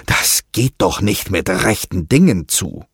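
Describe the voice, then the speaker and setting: A man voicing an experienced old shaman who speaks in a calm, pondering way in a storybook. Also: low voice, measured pace, breathy edge, no echo, studio quality, full character voice. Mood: thoughtful. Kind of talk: storybook narration.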